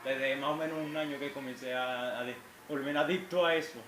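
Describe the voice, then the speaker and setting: This young fan's voice is mid-range and steady, a little fast, as he asks questions at a convention Q&A. He rambles earnestly with frequent restarts, and the hall around him echoes with background noise.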